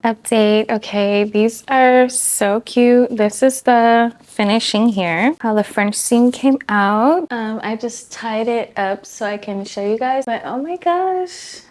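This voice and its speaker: A woman's voice: fairly high pitch, steady tone, slow pace, few pauses, a little mellow, soft background music. A young woman talking casually in a sewing vlog, chatty and rambling, tired and a little out of breath. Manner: chatty and rambling, lots of "like" and "so yeah". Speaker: sewing vlogger.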